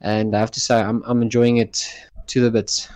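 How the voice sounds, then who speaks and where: A man's voice: fairly low pitch, level tone, normal speed, darkish tone, dry recording. A man with a South African accent, a sim racer giving a casual post-race interview.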